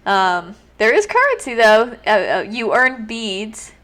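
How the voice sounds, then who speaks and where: A woman's voice: on the high side, very animated, slow, a bit bright. A woman streaming herself reading a story game aloud, casual and chatty, laughing often.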